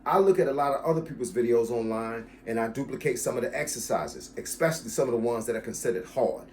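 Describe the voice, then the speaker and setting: Guy in his 50s, fitness coach, talking to y'all on camera, emphatic, repeats himself to make the point, normal pitch, slight hiss. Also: expressive, fast talker. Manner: emphatic, repeats key phrases, addresses viewers as y'all. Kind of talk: casual talk to camera about his channel.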